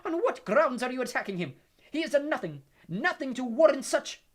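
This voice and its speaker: A stern, fearless woman professor from a storybook, acted out by a narrator. She is indignant and commanding. Her shouted voice leaps far above the reader's usual pitch. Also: big pitch swings, a little fast. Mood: outraged.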